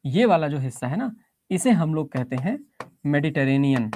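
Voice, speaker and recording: A woman's voice: deep voice, big pitch swings, moderate pace, dark tone, a little hiss or hum. A woman teacher giving a geography lesson, explaining step by step, checking in with her students and mixing English phrases into her Hindi.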